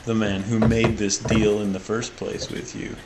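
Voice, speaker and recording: A man's voice: lowish voice, little pitch movement, unhurried. A man playing a tabletop role-playing game, slipping casually between his own talk and his character's words. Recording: noisy home recording.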